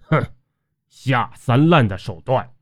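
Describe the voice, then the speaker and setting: A man voicing a brash, hot-tempered male tomb robber who talks in gruff, sneering outbursts, in an audiobook with dull lo-fi sound. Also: mid-range voice, big pitch swings, measured pace, warm tone, no room sound, clean studio sound. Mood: fierce.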